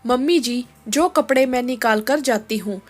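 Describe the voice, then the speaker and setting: A woman voicing a young working mother, a quick-tempered daughter-in-law who scolds in a sharp, clipped way in a storybook tale. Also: a little high, faint music behind, close to an everyday voice. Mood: sharp, annoyed.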